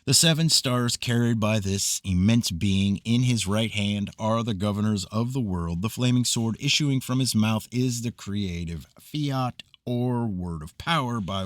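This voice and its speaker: A man reading an old esoteric book aloud in a measured, formal way, with occasional stumbles. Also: fairly low pitch, dry recording. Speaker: reader of esoteric texts. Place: cold room.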